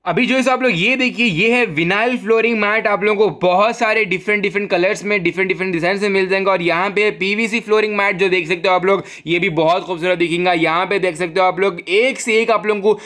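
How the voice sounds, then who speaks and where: A man doing a fast promotional voice-over for a shop, with a salesy pitch and a repeated "dude". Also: fairly even intonation, fairly bright tone. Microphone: voice-over over photos.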